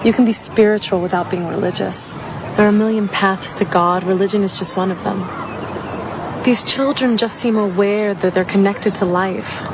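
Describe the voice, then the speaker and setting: A woman's voice: mid-range voice, fairly even intonation, moderate pace, a crowd in the background, background noise, natural voice. A woman acting as a middle-aged mother of a psychic boy, earnest and explanatory, in a naturalistic film drama.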